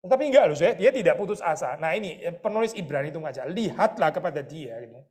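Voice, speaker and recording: A man preaching a lively, conversational sermon as pastor, often asking his listeners rhetorical questions. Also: on the high side, racing. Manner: mixes English words into his talk.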